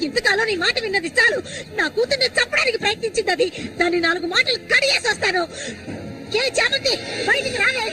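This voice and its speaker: An actress playing a frantic, grieving middle-aged village mother who wails and hurls furious accusations. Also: fast talker. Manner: wailing, shrill, furious accusations. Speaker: mother of an injured daughter. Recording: film soundtrack with music and crowd noise.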